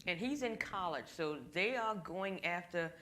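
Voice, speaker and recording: A woman leading a church group discussion on money, animated and acting out little voices as she tells stories. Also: lowish voice, unhurried, a little hiss or hum. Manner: animated storyteller, acts out voices. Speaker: ministry financial class leader.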